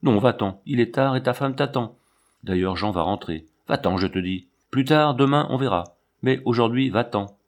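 A man's voice: medium pitch, animated, normal speed, close to an everyday voice. A man reading an audiobook, voicing a proud, firm middle-aged woman who speaks sternly and refuses.

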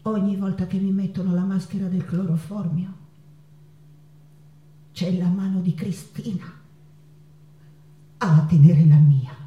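Actress as dramatic Frida Kahlo, slow and echoing. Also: female voice, fairly low pitch, dark tone, muffled recording, natural voice. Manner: dramatic, halting delivery with drawn-out phrases and repetitions. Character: passionate, wounded Mexican woman painter, wife remembering her unfaithful husband. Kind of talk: theatrical stage monologue. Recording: roomy echo with guitar music. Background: acoustic guitar music.

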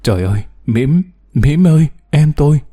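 A man's voice: animated, a little fast. A man voicing a distraught young mother, wailing and pleading in grief in an audiobook. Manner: sobbing, pleading, high and loud.

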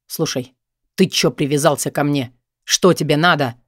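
A man's voice: on the high side, moderate pace, no room sound, studio quality, close to an everyday voice. A man as a weary, curt young man. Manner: flat, terse, irritated. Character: weary, cold young man, sullen and blunt.

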